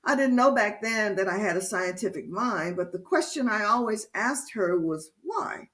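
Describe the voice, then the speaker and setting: A woman giving a prepared lecture-style talk to a discussion group, speaking slowly and with emphasis. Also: medium pitch, fairly bright tone. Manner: slow, deliberate and emphatic. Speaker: speaker leading a discussion series.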